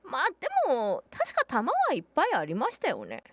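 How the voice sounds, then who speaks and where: Kansai-accented woman streamer with a high, bouncy voice that swings widely, chatty and exclamatory. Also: wildly swooping pitch, moderate pace, no echo. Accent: Kansai Japanese. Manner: chatty, exclaims often, thanks viewers warmly. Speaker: game streamer. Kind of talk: casual live-stream chat while playing.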